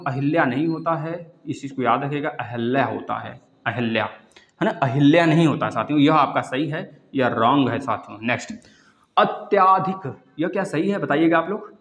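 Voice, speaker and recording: A man's voice: on the high side, roomy sound, muffled recording. A man giving an exam-prep grammar lesson, repeating each word and asking the viewers questions. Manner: repeats words, quizzes viewers, calls them friends. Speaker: Hindi grammar teacher.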